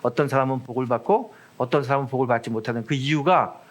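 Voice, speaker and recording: A man's voice: mid-range voice, quick pace. A middle-aged man, a senior pastor, giving a conversational Sunday sermon, telling stories with humour and speaking directly to the congregation. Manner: chatty, humorous storytelling with asides to the congregation.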